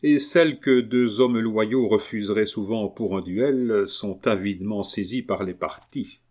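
A man reading a novel aloud, voicing an earnest, persuasive gentleman who speaks in a calm, measured way. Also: on the low side. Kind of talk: audiobook reading.

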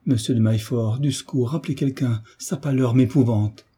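A man's voice: mid-range voice, moderate pace, mellow, husky. A man voicing a proud, pleading noblewoman. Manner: pleading, emotional. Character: proud noblewoman, middle-aged mother, remorseful.

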